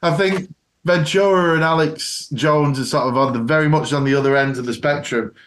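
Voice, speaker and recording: A man's voice: on the high side, fairly even intonation, moderate pace, a bit bright. A man co-hosting a casual podcast chat, rambling loosely and slipping into jokey impressions. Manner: chatty, rambling, breaks into mocking impressions. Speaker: podcast co-host.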